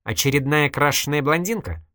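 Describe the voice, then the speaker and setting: A reader voicing a sharp-tongued, stubborn young woman in an audiobook, reproachful and needling, with a dry close sound. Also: deep voice, expressive, brisk, dry recording, pitched above the performer's own voice. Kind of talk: audiobook character voice.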